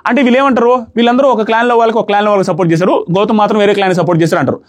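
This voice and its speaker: A young man giving rapid, argumentative commentary as a reality show reviewer, often asking rhetorical questions. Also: high-pitched, fairly even intonation.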